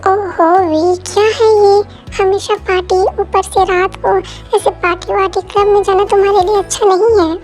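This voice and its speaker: A woman's voice: extremely high pitch, level tone, moderate pace, darkish tone, soft background music, pitched above the performer's own voice. A woman voicing a protective young woman who fusses over her friend, in an amateur dubbed story. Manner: doting, chiding.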